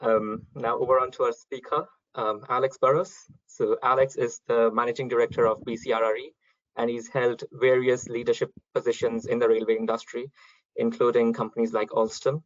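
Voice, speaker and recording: A young adult man hosting an online talk as event host and chairman introduces the speakers with many ums, using a computer mic. His medium-pitched voice is flat and fairly quick. The call audio is dry, dull, and lo-fi, with no echo.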